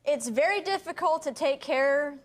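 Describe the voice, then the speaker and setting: A woman litigant on a TV court show, testifying in a plaintive, halting, complaining way. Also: high voice, expressive.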